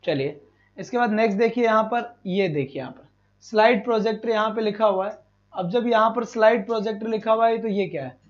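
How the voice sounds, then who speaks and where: High-voiced man teaching a live class. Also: brisk, dull audio. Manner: repeats questions and answers them himself; chatty, scolds students for being late. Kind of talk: live online exam-prep class.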